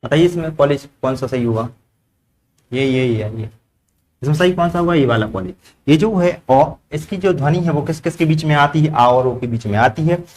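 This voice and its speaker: A man's voice: on the high side, normal speed, a little mellow. Man teaching a class, asking questions. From India. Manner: asks the class questions and repeats answers. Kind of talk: classroom grammar lesson.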